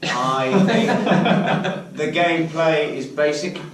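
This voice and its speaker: A man's voice: on the high side, expressive, slow pace. A man giving casual group review comments in a mock-serious, pompous way. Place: indoor room with other players. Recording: echoey room, distant mic, faint noise.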